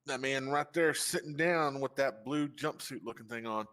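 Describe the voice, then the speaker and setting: A man's voice: mid-range voice, moderate pace, fairly bright tone. A man testifying as a witness in a roleplay court, giving short, terse answers while his voice chat cuts out over a bad connection. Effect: voice chat cutting out over a bad connection.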